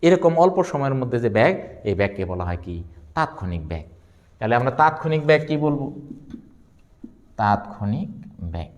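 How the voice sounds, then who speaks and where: Lively echoing male physics teacher. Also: mid-range voice. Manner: asks questions and answers them himself; repeats key terms slowly. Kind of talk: classroom lecture.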